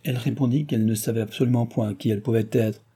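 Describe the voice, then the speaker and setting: Man with a dark, husky voice. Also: mid-range voice. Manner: steady, measured reading. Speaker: audiobook reader. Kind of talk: storybook narration of a classic novel.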